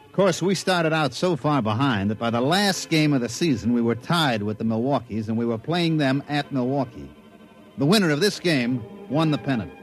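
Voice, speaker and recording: For a 1950s radio drama, a male actor plays a wry baseball team man spinning a tall tale in folksy, colloquial narration. He speaks at medium pitch and normal speed with lively intonation and light acting, and the recording sounds like a vintage radio broadcast with music.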